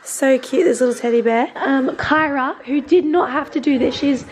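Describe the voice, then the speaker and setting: A young woman in her early twenties, chatty and gushing in a casual vlog, her voice hoarse from losing it. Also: high-pitched, normal speed, slight background noise. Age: early 20s. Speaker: vlogger. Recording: background music.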